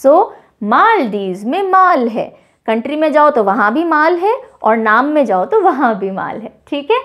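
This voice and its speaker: A young woman teaching with playful, animated little stories and mnemonic tricks, mixing Hindi and English. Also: sits high, unhurried. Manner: playful, animated storytelling with mini scenes.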